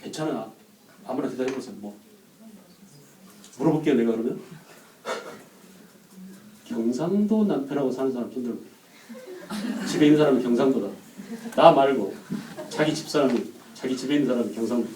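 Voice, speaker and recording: A man's voice: mid-range voice, normal speed, long pauses, dark tone, a little hiss or hum. A man giving a classroom history lecture, often putting questions to the class and acting out quotes. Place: lecture room. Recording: echoey room, mic at a distance.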